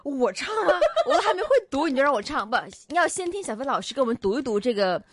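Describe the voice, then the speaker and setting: A woman co-hosting a radio chat, playful and quick to laugh. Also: high-pitched, sing-song, dry recording. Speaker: radio co-host.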